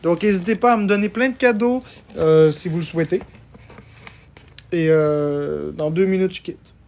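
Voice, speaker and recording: A man's voice: high voice, normal speed, creaky, darkish tone. A man, tired, chatting casually on a live stream as he answers viewer comments and thanks people for gifts.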